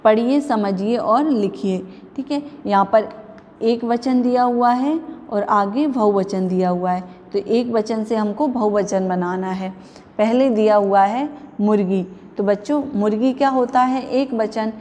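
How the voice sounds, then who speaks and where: A woman's voice: medium pitch, measured pace, a little mellow, big-room sound. A woman teaching young children a grammar lesson, patiently asking the class questions and repeating each answer. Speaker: primary school teacher.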